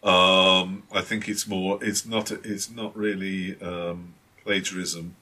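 Man, very low pitch, bright tone, casual chat, hesitant, game master. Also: little pitch movement, takes it slowly. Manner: hesitant, many restarts and fillers.

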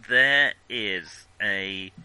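A man's voice: on the low side, extremely slow, sharp tone, smooth, dry recording, low-quality recording. A man narrating a tabletop game as game master, hesitant and full of fillers and restarts.

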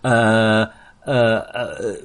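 A man's voice: on the low side, level tone, very slow. Man running a tabletop game. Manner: hesitant, lots of fillers. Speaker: game master.

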